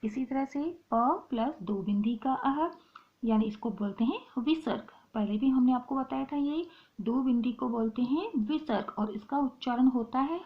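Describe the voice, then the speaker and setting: A woman teacher going through a lesson slowly and step by step. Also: sits high, muffled recording. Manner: slow, explaining step by step. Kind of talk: online lesson.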